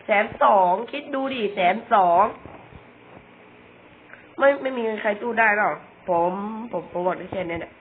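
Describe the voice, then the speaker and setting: A man's voice: high-pitched, unhurried, pauses often. A young man giving casual, chatty commentary on a video game, joking about himself and often repeating words. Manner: chatty, self-mocking, stumbles and repeats words. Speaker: gamer. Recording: tinny phone-like audio with faint noise.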